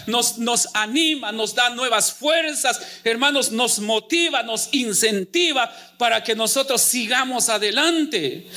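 High, bright-voiced preacher man. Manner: halting, repeats words and calls out "hermanos". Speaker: pastor. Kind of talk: sermon.

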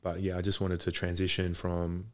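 A boxing coach appears as a guest on a podcast, chatting casually from his home garage. His low-pitched voice is monotone at a normal speed, and he talks in a hesitant, rambling way.

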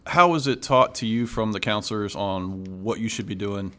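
A man's voice: fairly low pitch, moderate pace, bright, forceful tone. A man hosting a podcast interview, casual and friendly, filling gaps with lots of okays. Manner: friendly, many okays and fillers. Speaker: podcast host.

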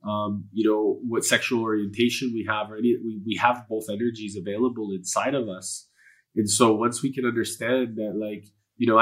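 Here a Polish-born Canadian man with a low, earnest voice talks openly as a guest in a personal interview, his tone fairly bright. He rambles in an earnest, spiritual way, peppering his speech with fillers and curses.

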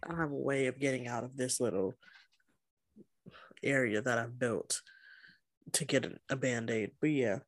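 A woman co-hosting a podcast in casual chat, animated and joking with frequent laughs. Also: extremely low pitch, normal speed, pauses often, no room sound. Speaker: podcast co-host.

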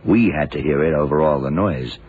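A shrewd, methodical male detective in a 1970s radio drama reasons his way through with calm, confident deduction. His voice is very deep and a little fast, and the old recording sounds dull and noisy.

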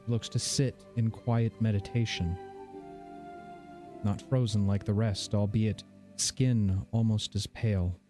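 A man narrating a tabletop fantasy game as game master, measured and descriptive with dramatic pauses. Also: on the low side, fairly even intonation, warm tone. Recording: background music under the voice.

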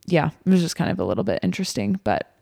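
A woman's voice: low voice, sing-song, racing, gravelly, warm tone, slightly rough, dry recording, studio quality. A young woman co-hosting a podcast, telling a story in a chatty, rambling way. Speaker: podcast co-host. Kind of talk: casual chat.

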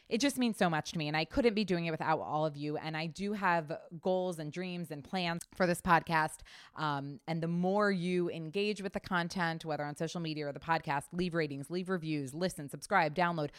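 Woman host, casual podcast chat, effusive, lower-pitched, dry close mic. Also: clear, resonant tone, no room sound. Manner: chatty, effusive, swears casually.

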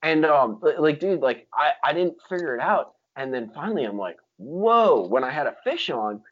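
A man's voice: fairly high pitch, animated, fairly quick, a bit bright. A man telling stories in casual chat, with slangy talk full of dude, like and freaking. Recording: dull lo-fi sound.

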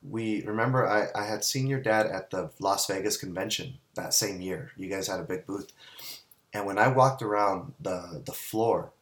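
A man's voice: lowish voice, moderate pace, a bit bright. A man telling a long, rambling anecdote in a casual chat, full of restarts and quoted dialogue. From Southern California. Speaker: guest business owner. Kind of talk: casual storytelling.

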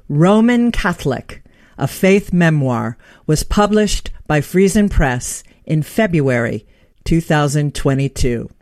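A woman's voice: low-pitched, darkish tone, dry recording, studio quality. A woman hosting an interview show, introducing her guest in an earnest, heartfelt way with small restarts. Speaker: podcast host.

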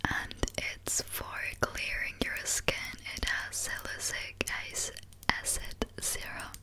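A woman in a whispered role-play as a spa aesthetician, speaking in a soothing, attentive whisper as she gently explains each step. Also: takes it slowly.

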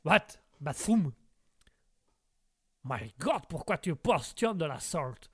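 A man playing a haughty, posh English gentleman, with a put-on mock accent, scolding his co-host as "old boy". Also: on the high side, very animated, unhurried, husky, full character voice.

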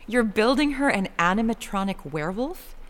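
A woman's voice: mid-range voice, expressive, moderate pace, lightly acted. A woman playing a cheerful, caring mother in a family audio drama. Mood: concerned.

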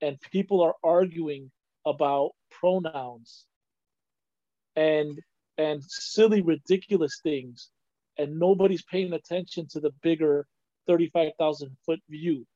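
A man from the Chicago area, a podcast guest, talking slowly and agreeably with many filler sounds. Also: a little high, dark tone, no echo, highs cut off. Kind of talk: conversational interview.

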